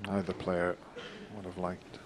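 A man giving hushed, measured snooker commentary in a low-key manner. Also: monotone. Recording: crowd and hall noise behind voice. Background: snooker arena crowd ambience.

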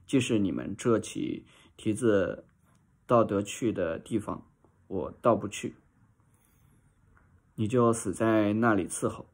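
A man's voice: lowish voice, lively intonation, slow, long pauses, slightly rough, heavily acted. A man voicing a harsh, angry mother of a maid in a storybook reading, berating in a hot-tempered way.

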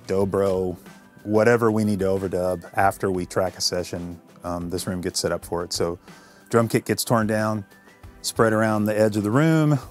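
A man in his fifties from Illinois, USA, gives a relaxed yet technical tour of his basement recording studio. His voice is on the low side.

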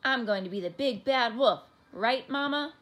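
A woman voicing a tiny, playful boy mouse who talks eagerly in a high voice. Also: animated, normal speed, fairly bright tone.

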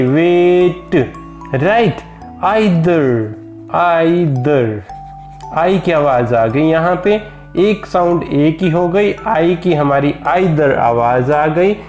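A man's voice: fairly high pitch, darkish tone, echoey room. An Indian man teaching children English vowel sounds, patiently repeating words and asking simple questions.

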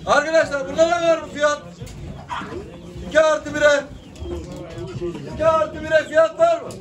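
A man's voice: extremely high pitch, level tone, moderate pace. A middle-aged man working as an auctioneer, calling out bids and repeating prices insistently. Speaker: auctioneer at a live poultry auction. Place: small indoor auction room with caged birds. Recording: distant mic, noisy crowd with bird sounds. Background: crowd chatter, chickens and pigeons.

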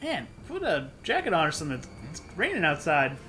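A woman cracks jokes over a game in a casual let's play. Her voice is bright and lively, swinging up and down. She keeps the banter light and quick. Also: sits low, faint music behind. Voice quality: playful, jokey. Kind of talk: casual joking commentary.

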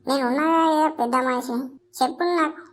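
A woman voicing a grumbling old village elder man with a Telangana Telugu accent who scolds two quarrelling neighbours in drawn-out tones. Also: high-pitched, lightly acted. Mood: scolding. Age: older. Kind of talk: village comedy skit.

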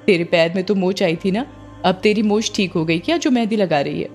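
A woman's voice: medium pitch, brisk, a little mellow, soft background music, close to an everyday voice. A woman voicing a scheming middle-aged mother who talks in a sweetly evasive, coaxing way, as in a storybook reading. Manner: coaxing, falsely affectionate.

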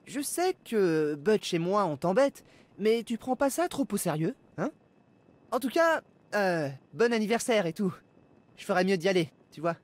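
A sheepish young boy in a video game, stumbling over his words. His voice sits high and sounds far from the mic. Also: expressive, moderate pace. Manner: hesitant and awkward. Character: awkward young boy, a mild bully. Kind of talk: French video game dub.

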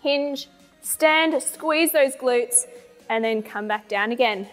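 A woman's voice: sits high, takes it slowly. A young woman working as a fitness instructor, giving encouraging cues and counts for a guided home workout. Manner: encouraging, cueing movements while demonstrating them. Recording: long reverberant room, music behind. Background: music.

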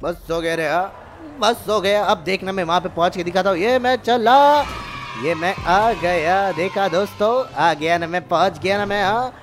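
A man hosting a gaming channel, giving playful gameplay commentary with character voices in an excitable, teasing manner full of exclamations. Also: high-pitched, normal speed, faint music behind.

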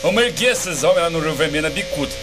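A man's voice: fairly high pitch, lively intonation, racing. A man with a southern Brazilian accent from Santa Catarina, co-hosting a radio show with boisterous teasing banter. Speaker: radio co-host. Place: small radio studio. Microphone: studio mic with headphones. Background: music.

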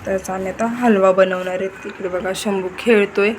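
A woman's voice: mid-range voice, steady tone, normal speed. A young woman, chatting casually to the camera in a home vlog as she looks after her children. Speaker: vlogger. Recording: noisy home recording.

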